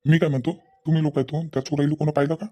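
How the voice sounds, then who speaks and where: A man voicing a police officer in a comedy cartoon, asking questions briskly and in a businesslike way. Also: on the high side, level tone, mellow, natural voice. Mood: questioning.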